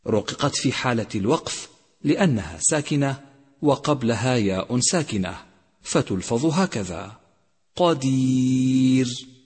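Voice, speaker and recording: A man teaching a tajweed lesson on Quran recitation, who draws out and chants the example words slowly. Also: mid-range voice, lively intonation, breathy edge. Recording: long hall reverb.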